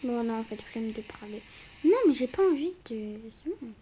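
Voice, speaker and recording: Excitable high-voiced woman gaming. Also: moderate pace, a little hiss or hum. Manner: excitable, bursts into loud exclamations; drops to hushed whispered asides. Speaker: gaming video creator. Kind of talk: casual let's-play commentary. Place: indoors at night.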